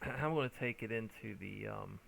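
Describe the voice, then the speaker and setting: A man's voice: on the low side, moderate pace, vocal fry, fairly bright tone, slight background noise. A tired man streaming a game, rambling and thinking aloud with restarts and hums as he plays. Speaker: streamer playing an online game. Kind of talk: casual gameplay commentary.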